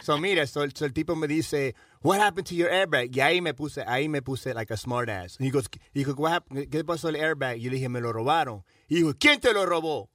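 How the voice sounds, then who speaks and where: A man's voice: mid-range voice, brisk, hardly any pauses, no echo. Bilingual male co-host telling a story, dry distant sound. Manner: mixes Spanish and English, animated storyteller. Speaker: radio show co-host. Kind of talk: casual storytelling.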